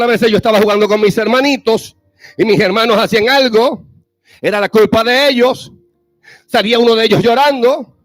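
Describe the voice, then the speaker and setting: Male preacher in his 30s, very high voice, dry close sound, soft music under him, addresses the fathers directly. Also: no room sound. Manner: speaks straight to the fathers in the audience with rhetorical questions. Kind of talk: sermon.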